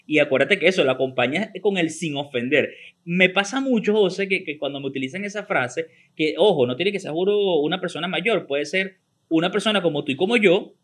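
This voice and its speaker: A man's voice: fairly high pitch, a little fast, fairly bright tone. A man, chatting casually as a podcast co-host, acting out quoted exchanges with lots of repeated fillers. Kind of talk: casual chat.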